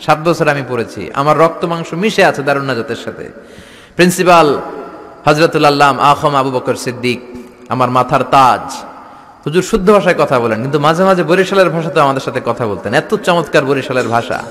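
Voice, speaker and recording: A man preaching a comic sermon at a large gathering, animated and imitating regional dialects. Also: on the high side, fairly quick. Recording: long hall reverb.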